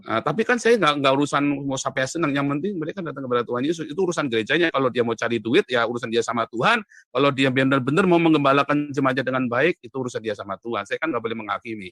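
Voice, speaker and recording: A man recounts his life as an evangelist in an interview, his voice bright and forceful. He leans hard on key words, his pitch and volume climbing when he presses a point. The recording is dry and close. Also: rapid-fire, no echo. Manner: emphatic, often rising sharply in pitch and loudness, addresses host as "Pak". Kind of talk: animated interview testimony. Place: Europe.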